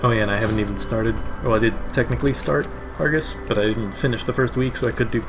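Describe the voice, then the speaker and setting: A man chats casually over his gameplay as he livestreams. His talk rambles and halts in a mid-range voice. Game music plays clearly behind him, along with a fan. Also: medium pitch, fairly even intonation. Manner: rambling, halting.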